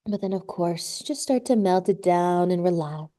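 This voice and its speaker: A woman teaching a live yoga class, giving slow, soothing cues and drawn-out breath prompts. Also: lowish voice, mellow. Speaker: yoga instructor. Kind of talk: guided yoga class instruction.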